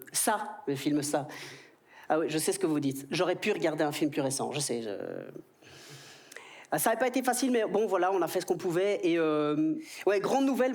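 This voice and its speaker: A man in his thirties with a Belgian French accent, performing an animated stand-up comedy routine on stage. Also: sits high. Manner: animated, jumps into quoted voices. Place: stage before a live audience.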